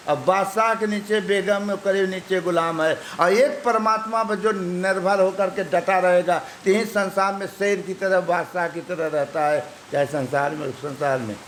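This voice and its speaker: A man's voice: sits high, fairly even intonation, moderate pace, hardly any pauses, a bit bright. A man with an eastern Uttar Pradesh Hindi accent giving a folksy devotional sermon as a spiritual teacher, full of proverbs and homely examples. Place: ashram gathering. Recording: echoey room with faint hiss.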